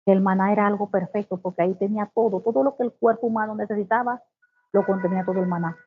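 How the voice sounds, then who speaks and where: A woman's voice: medium pitch, steady tone, faint music behind. Woman teaching a devotional over tinny audio. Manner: reads scripture slowly, then explains with exclamations. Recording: tinny phone-like sound.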